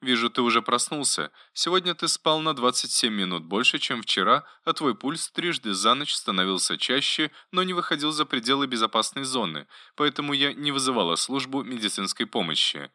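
Gentle caring female robot helper, voiced by a man, bright tone, dry close sound, polite and soft. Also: medium pitch, expressive, fairly quick, few pauses, dry recording. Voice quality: pleasant, solicitous voice. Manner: softly attentive, politely informative. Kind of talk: audiobook narration.

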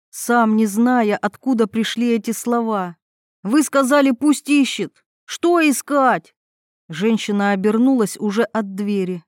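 A woman's voice: medium pitch, a little mellow, no room sound. Woman reading a story, dry and close. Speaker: narrator. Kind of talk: storybook narration.

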